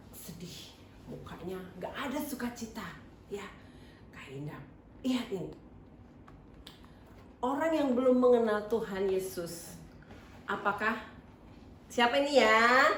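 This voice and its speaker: An animated woman tells young children a picture-book story in a church service, speaking slowly. Her fairly high voice swoops up and down. She sounds far from the microphone, in a roomy, echoing space with faint ambience behind her. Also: a little hiss or hum. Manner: animated, questions the children and answers herself.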